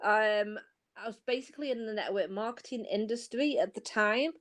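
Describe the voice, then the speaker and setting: A woman's voice: mid-range voice, moderate pace. An earnest woman speaks as a podcast guest, recounting how she came to tarot and coaching. Her talk is casual and unpolished, looping back to restart phrases as she goes.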